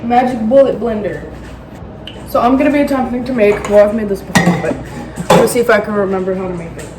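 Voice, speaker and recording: A woman with a medium-pitched voice talks fast, sitting far from the mic as she chats casually for a cooking vlog at home. She rambles, pokes fun at herself, and says "um" a lot. The roomy, off-mic recording moves between her bathroom and kitchen, with household noise in the background.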